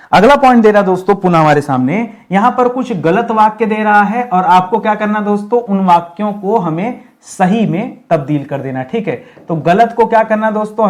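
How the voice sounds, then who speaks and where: A young man teaching Hindi for an exam, drilling spellings by asking a question and answering it again and again. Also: sits high. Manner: drills students with repeated questions; addresses viewers as friends. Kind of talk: exam-prep lecture.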